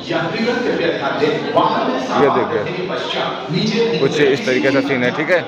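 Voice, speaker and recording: A hoarse travel vlogger in his twenties speaks slowly in a mid-range voice over a noisy crowd as he walks an outdoor bus station. He points things out in chatty tour-guide style, recording on a phone at arm's length, and the dull lo-fi audio carries music and passing buses.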